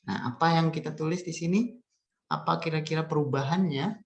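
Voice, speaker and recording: A male language teacher giving an online lesson, patiently modelling sentences slowly and explaining. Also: a little high, fairly even intonation, vocal fry, highs cut off. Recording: roomy echo.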